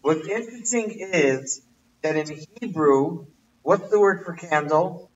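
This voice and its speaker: A man's voice: fairly high pitch, slow, a little hiss or hum. A man teaching a casual language lesson, quizzing his listeners and repeating his questions. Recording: distant, muffled livestream audio.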